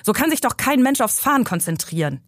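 A woman's voice: on the high side, sing-song, a little fast, no room sound, clean studio sound, pitched above the performer's own voice. A woman reading aloud from her novel, voicing a grumpy, bossy old uncle who nags from the passenger seat. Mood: nagging. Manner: nagging, scolding commands.

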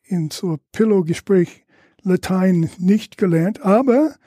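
An older man with an American accent talks as a guest in halting, searching German. He is a native English speaker and laughs easily. His voice is mellow and the sound is dry and close. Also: sits high, slightly rough, no room sound. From Louisiana, USA. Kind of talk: casual interview chat.

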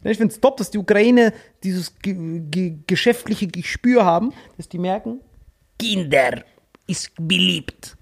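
A man's voice: sits high, lively intonation, a little slow, vocal fry. A man in his forties, a podcast co-host, telling a rambling, provocative joke story in casual chat. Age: 40s.

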